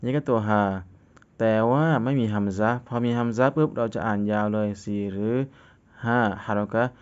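A man's voice: mid-range voice, moderate pace, darkish tone, clear, resonant tone, muffled recording. A man teaching Quran recitation step by step, reciting a phrase and then patiently explaining how to sound each letter.

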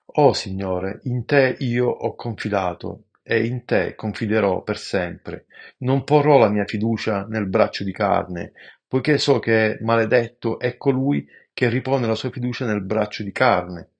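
Low-voiced man reading scripture reverently. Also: gravelly. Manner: slow, measured, reverent reading with occasional stumbles. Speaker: amateur scripture reader.

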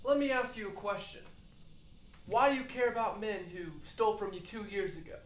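Man acting a smug western outlaw, high-pitched, menacing, taunting, folksy, deliberate. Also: slight background noise, natural voice, poor audio. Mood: dismissive.

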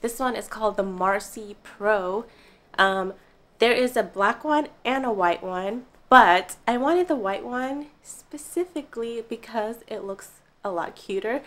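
A woman's voice: medium pitch, a bit bright. A young woman doing a casual, upbeat product review in her living room, chatting straight to the viewers. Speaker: home fitness vlogger. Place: bright living room at home.

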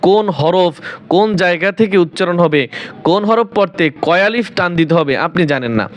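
High-voiced man teaching Arabic letters. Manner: asks the viewer questions and answers them himself, repeats letters slowly. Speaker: Quran teacher. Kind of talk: Arabic alphabet pronunciation lesson.

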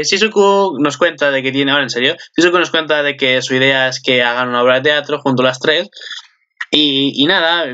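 A man's voice: medium pitch, pushed and bright, muffled recording. A man hosting his own channel, rambling through casual commentary with crude jokes and lots of fillers. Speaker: channel host. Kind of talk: casual commentary on an anime preview.

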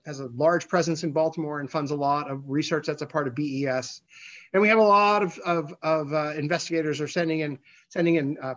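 A man giving a conversational scientific slide presentation as a researcher, halting, with repeated words and false starts. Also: a little high, a bit bright, muffled recording.

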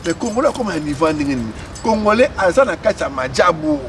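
A man's voice: on the high side, big pitch swings, fast talker. A man giving impassioned outdoor political commentary, repeating himself and mixing French into his talk. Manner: impassioned, repetitive, switches between Lingala and French. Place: outdoors on a city street. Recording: distant mic outdoors with faint noise.

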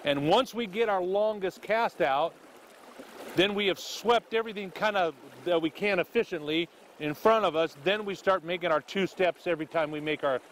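Wading in a river, a middle-aged fishing guide gives on-the-spot fly-casting instruction, explaining each step and frequently checking in with "okay?". His voice is high-pitched and a bit bright, at a moderate pace, with slight background noise.

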